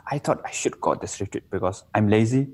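A Nepali meditation teacher speaks fairly quickly in a lowish, slightly mellow voice. Over a relaxed, playful interview, he tells meditation stories in simple, broken English with a Nepali accent.

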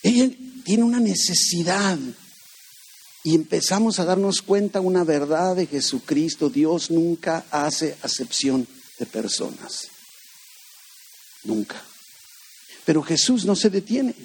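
Man preaching, husky tone, high-pitched, reverberant hall, rhetorical questions. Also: expressive, slow pace, pauses often. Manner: rhetorical questions, acts out quoted voices. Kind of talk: conversational sermon.

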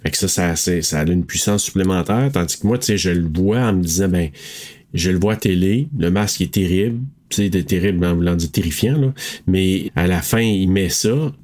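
Homme québécois à voix très grave. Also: male voice, deep voice, fairly quick, darkish tone. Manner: easygoing, reads narration steadily. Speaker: podcast co-host and reader. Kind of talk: casual chat and reading aloud.

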